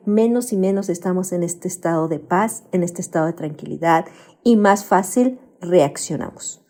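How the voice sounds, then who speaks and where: Mellow-voiced Mexican woman explaining calmly. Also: mid-range voice. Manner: calm, explanatory, asks rhetorical questions. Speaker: radio guest speaker on emotional health. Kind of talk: informative radio talk. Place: radio studio.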